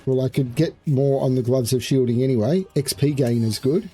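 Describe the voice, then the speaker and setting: A man's voice: medium pitch, brisk, over music. A man playing a video game, reading its story text aloud like a storyteller and adding offhand commentary. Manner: switches between storyteller reading and offhand remarks. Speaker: gaming video player.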